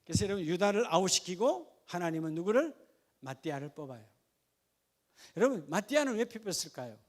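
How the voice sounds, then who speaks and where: A man's voice: high voice, animated, brisk, a little mellow. A middle-aged male pastor preaching a sermon, firing questions at the congregation and slipping in jokey asides.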